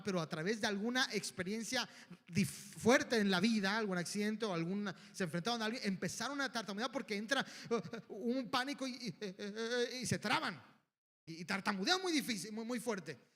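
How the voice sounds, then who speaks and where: A man with a Mexican Spanish accent preaching a sermon in a church hall, pleading and building to shouted exhortation. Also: sits high. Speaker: pastor. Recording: long hall reverb.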